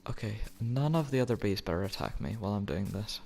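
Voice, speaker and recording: A man's voice: lowish voice, animated, fast talker, gravelly, darkish tone, a little hiss or hum. A man talking to himself in a casual, rambling way while he plays a building game and chats to the viewers. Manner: rambling, self-talking, playful. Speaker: Minecraft gameplay commentator. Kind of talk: casual gameplay commentary.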